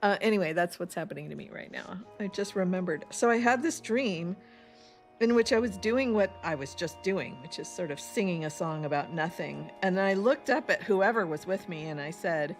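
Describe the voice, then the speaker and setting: A woman's voice: fairly low pitch, animated, moderate pace, soft background music. A woman with an East Coast accent, streaming a game and chatting in a rambling, laughing way while reading chat aloud. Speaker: gaming streamer. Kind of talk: casual let's-play chat.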